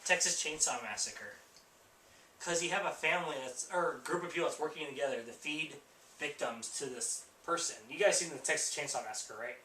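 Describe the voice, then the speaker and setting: A man chats loosely as host of a film review, tipsy and rambling. His voice is bright and forward, recorded away from the mic in an echoey room with faint noise. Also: fairly high pitch, brisk, far from the mic. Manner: tipsy, rambling and losing track.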